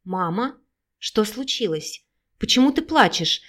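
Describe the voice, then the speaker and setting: A gentle, wounded teenage girl, voiced by a woman reader, pleads in a soft, tearful voice. She sounds hurt but tries to stay calm, in a storybook telling. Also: a little high, normal speed, natural voice. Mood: worried.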